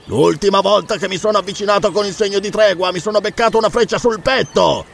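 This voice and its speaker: A man voicing a brash, mocking pirate captain in an audiobook, loud and bluff. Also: mid-range voice, lively intonation, moderate pace, vocal fry, slight background noise. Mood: roaring. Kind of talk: audiobook character reading.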